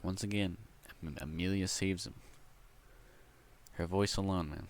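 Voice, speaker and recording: A young man reading a novel aloud, stumbling over words now and then and stopping to react with excited commentary. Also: low-pitched, slight background noise. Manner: reads haltingly with slips, breaks off to react excitedly. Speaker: light novel reader and reactor. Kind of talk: casual read-aloud with commentary.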